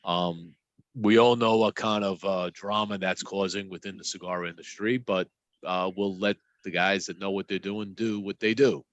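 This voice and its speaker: A man's voice: low-pitched, steady tone, normal speed, no room sound. A man hosting a podcast, giving a casual news rundown with a loose, filler-heavy delivery. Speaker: podcast host.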